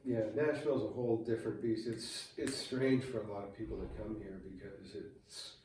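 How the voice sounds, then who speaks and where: A man's voice: fairly low pitch, fairly even intonation, moderate pace, a little mellow. A man hosting a casual interview, friendly and encouraging, finishing the guest's thoughts. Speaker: interviewer host. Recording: very echoey room, mic far off, faint noise.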